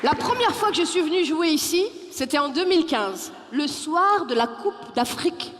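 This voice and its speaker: Brief: animated woman comic from the Paris suburbs, high voice, live in a reverberant hall with faint crowd noise. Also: moderate pace. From Paris suburbs, France. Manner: animated, switches into character voices. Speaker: stand-up comedian. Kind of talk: stand-up comedy. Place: large theater hall.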